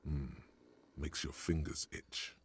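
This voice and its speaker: A man voicing a wry, deep-voiced game narrator with a husky, gravelly voice and a dry, descriptive delivery. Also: fairly even intonation, takes it slowly, full character voice. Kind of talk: video game voice acting. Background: faint game music.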